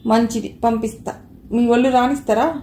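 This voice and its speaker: A woman's voice: a little high, steady tone, moderate pace, mellow, close to an everyday voice. A woman reading a stern, motherly Telangana housewife. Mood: chiding comfort. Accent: Telangana Telugu. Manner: soothing, then chiding. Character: kind but stern housewife, middle-aged. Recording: roomy echo, faint noise.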